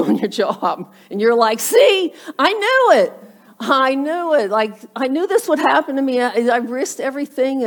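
A woman preaching a sermon in a conversational way, acting out the voices of the people she quotes with sudden high jumps in pitch. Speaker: pastor.

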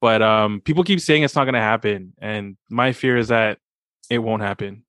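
A man's voice: lowish voice, normal speed, a bit bright, no echo. Brash, slangy man with a dry voice. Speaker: guest. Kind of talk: casual group chat.

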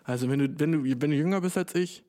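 Fast and slightly high-voiced, a twenty-something man rambles through a long, casual solo chat. He's excitable, slangy and profane, constantly addressing the listener as dude.

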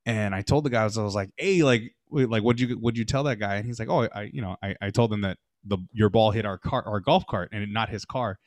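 A man's voice: on the low side, fast talker, hardly any pauses, dry recording. Chatty young man, dry close sound. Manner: animated storyteller, acts out quoted voices, many fillers. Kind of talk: casual chat, telling golf stories.

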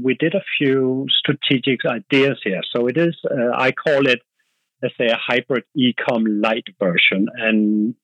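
A Danish man with a Danish accent, a marketing director, appears as a guest on a casual podcast interview. His voice is medium-pitched and fairly bright, and the audio is dull with no room sound. He thinks aloud hesitantly, working through his answers with plenty of fillers and restarts.

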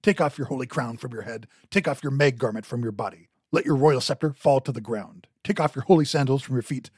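A man reading the part of a menacing underworld demon, issuing slow, repeated commands. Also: mid-range voice, a little mellow, slightly rough, no echo, studio quality, lightly acted. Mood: commanding.

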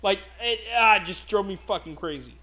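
A man with a notably high voice chats on a casual podcast. He tells stories in an animated, profane rush, venting about bad luck and laughing at himself. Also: brisk. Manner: animated, profane ranting storyteller. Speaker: podcast co-host.

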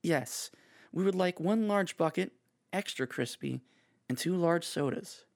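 A man's voice: fairly high pitch, expressive, measured pace, creaky, no echo, studio quality, voice pushed up. A man voicing a cheerful young woman who teases her girlfriend in an upbeat way. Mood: polite.

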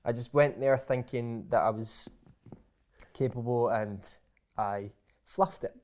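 Slow and a bit dark in tone, his mid-range voice belongs to an aspiring motivational speaker chatting as an interview guest. The talk is casual, and he keeps hesitating, repeating words whenever he starts a sentence over.

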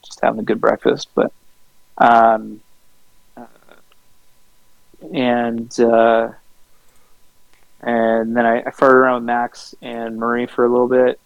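Gravelly-voiced laid-back podcast guy. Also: medium pitch, monotone, takes it slowly, long pauses, dry recording, dull audio. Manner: rambling, laid-back, swears freely with many fillers. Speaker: podcast co-host. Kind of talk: casual storytelling chat.

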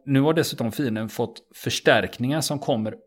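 In a relaxed podcast conversation, a man with a medium-pitched voice retells a true story. He stays steady and matter-of-fact, dropping in frequent small fillers.

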